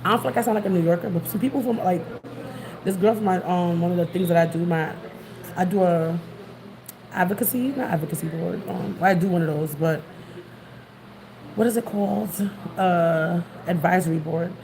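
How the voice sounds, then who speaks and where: Livestreaming from a street outdoors, a Queens vlogger with a New York accent chats casually and rambles, greeting her viewers as she goes. Her voice is fairly low with vocal fry, and she talks at a moderate pace. There's a lot of background noise.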